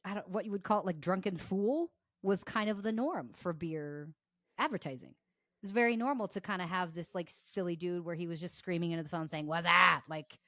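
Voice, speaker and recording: A young adult woman speaks as a podcast guest, with eager, flowing explanations and quick laughs. Her voice sits a little low for a woman. The sound is dry and close, with no room around it. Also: no echo. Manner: enthusiastic, fast-flowing explanations with frequent laughs. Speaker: guest, consumer behavior strategist. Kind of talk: casual podcast interview.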